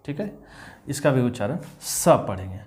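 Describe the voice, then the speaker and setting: A male English teacher with a medium-pitched, slightly slow and mellow voice guides his young students through spelling rules. He spells each word letter by letter before saying it whole, repeats every rule several times, and calls the students children while asking "is that clear" to check in with them.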